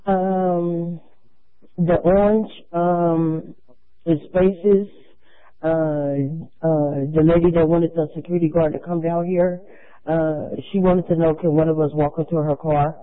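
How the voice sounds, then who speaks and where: A security officer calling in over a two-way radio, hesitant with many fillers. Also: male voice, a little high, flat delivery, slow pace. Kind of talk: radio call to dispatch. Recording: tinny radio channel.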